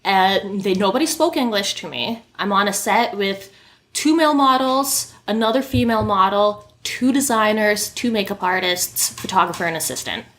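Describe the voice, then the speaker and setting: A woman hosting a podcast and telling stories in casual chat, animated and quick to laugh. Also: mid-range voice. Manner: animated storyteller, laughs often. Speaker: podcast host and model.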